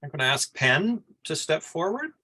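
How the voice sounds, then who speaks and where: Bright-voiced man hosting an online event. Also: on the high side, sing-song, moderate pace, slightly rough. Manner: gentle, calling on speakers one by one. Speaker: event host. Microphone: video call.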